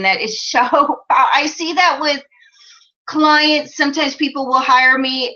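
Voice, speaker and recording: A woman in her forties from the American Midwest talks on a live stream as a life coach, her voice bright and a little high. She chats loosely and reads out viewer comments, with plenty of "you know" and easy laughs. The audio is muffled and lo-fi. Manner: chatty, lots of "you know", laughs often.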